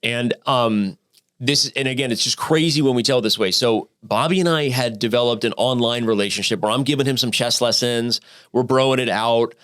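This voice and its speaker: A man in his thirties, a guest on a podcast, tells his story in a loose, conversational way. He swears freely and stacks up fillers and restarts. He gets animated as the story builds. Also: medium pitch, normal speed. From Arizona, United States. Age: 30s. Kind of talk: casual storytelling interview.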